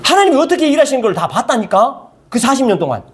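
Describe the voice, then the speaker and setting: A male pastor delivers a conversational sermon and keeps asking the listeners questions. His voice sits high for a man. His pitch jumps around with lots of movement. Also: fast. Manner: conversational, animated, asks the congregation questions.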